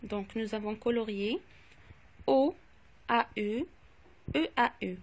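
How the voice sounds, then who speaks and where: A woman teacher slowly correcting phonics exercises, saying each word twice and spelling out letters. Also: a little high. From Morocco. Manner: repeats each word twice, stressing sounds. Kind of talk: slow, clearly articulated classroom dictation.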